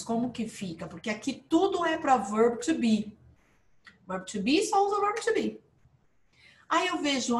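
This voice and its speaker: A woman teaching a live online English lesson, explaining with lively emphasis and checking in with her viewers. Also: a little high, echoey room, slight background noise.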